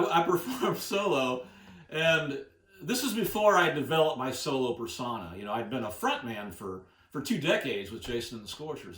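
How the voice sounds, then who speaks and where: A man's voice: mid-range voice, fairly bright tone. A man in his sixties, a musician host, casually telling a story with frequent laughs and restarts. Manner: chatty, frequent laughs and restarts, "you know". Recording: roomy echo.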